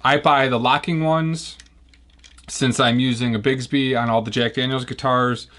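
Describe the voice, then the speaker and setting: A man's voice: medium pitch, normal speed. A man with a Chicago accent, a guitar builder casually explaining his work step by step in a workshop. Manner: relaxed, matter-of-fact explaining while working. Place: woodworking shop.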